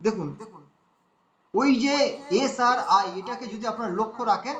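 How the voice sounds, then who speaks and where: A man teaching correct recitation in an online lesson, quickly explaining short and long vowels, then slowly chanting verse lines in a tune and drilling syllables again and again. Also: high voice, fairly bright tone, echoey room, highs cut off.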